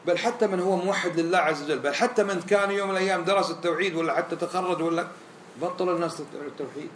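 A man preaching a sermon in an animated way, acting out the voices he quotes. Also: high-pitched, very fast, a little hiss or hum. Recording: roomy echo, faint ambience.

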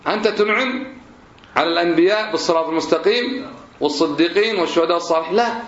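A man's voice: sits high, rapid-fire, fairly bright tone. A man teaching a class and drilling verb forms through questions. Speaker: religion teacher. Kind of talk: classroom lesson. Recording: roomy, dull lo-fi recording.

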